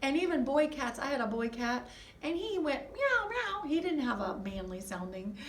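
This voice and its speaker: A woman music teacher giving an online lesson to first graders, animated and sing-song as she chats with them and brings out puppets. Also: a little high, normal speed, echoey room, recorded from a distance, slight background noise.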